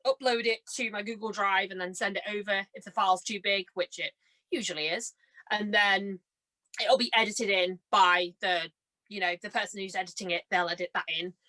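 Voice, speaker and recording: In a poorly recorded casual chat, a young adult woman with a sharp, mid-range voice appears as an interview guest. She's an amateur actor and cosplayer who narrates stories in a chatty style and dramatizes her reactions.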